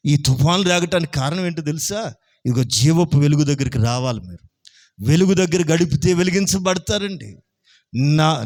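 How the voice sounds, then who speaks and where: A male pastor preaching a Sunday sermon emphatically, often checking that the congregation is listening. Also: a little high. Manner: emphatic preaching, keeps asking the congregation if they are listening.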